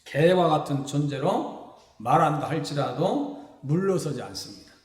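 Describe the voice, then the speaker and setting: A man from South Korea delivers a lively, folksy sermon in a high voice. He keeps asking the congregation questions and playfully acts out the people he describes. Everything rings through a church sanctuary with a long, echoing reverb. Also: unhurried. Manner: folksy, animated preaching with rhetorical questions to the congregation. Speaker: pastor. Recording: echoey hall with long reverb.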